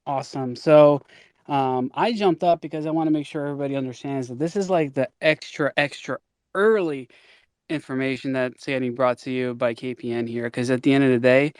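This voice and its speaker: A man from the community chatting on a livestream, talking eagerly in quick bursts. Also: medium pitch, dry recording, clean studio sound. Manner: enthusiastic, rapid bursts. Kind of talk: casual livestream talk.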